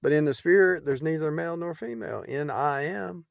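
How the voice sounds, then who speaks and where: A middle-aged man talking in an unscripted, rambling preaching monologue, repeating phrases and restarting sentences, often dropping in loudness. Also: a little high, a little fast, creaky, no room sound, clean studio sound.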